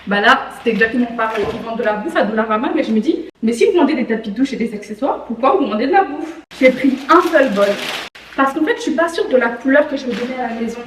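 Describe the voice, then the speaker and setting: Young female vlogger from France, slight lisp, breezy self-mocking chatter, slightly high voice, roomy far-off sound. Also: expressive, fast, slight background noise. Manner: chatty, self-mocking, mixes in English words. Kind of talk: casual vlog chat.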